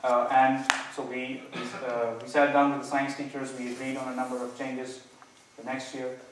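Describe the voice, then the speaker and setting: A man defending his PhD thesis, nervous and hedging, halting with many false starts and repeated words. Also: medium pitch, monotone. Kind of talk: academic thesis defense, spontaneous answers. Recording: very echoey room, distant mic, faint noise.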